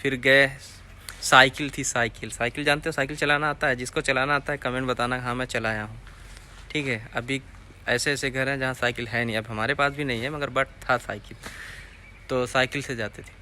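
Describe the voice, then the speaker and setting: Bright-voiced young man telling a story. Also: medium pitch, fairly even intonation, moderate pace, slight background noise. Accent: Hindi, eastern Uttar Pradesh. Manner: rambling, repeats phrases, asks viewers to comment. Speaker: vlogger telling his recruitment story. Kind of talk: casual storytelling to camera.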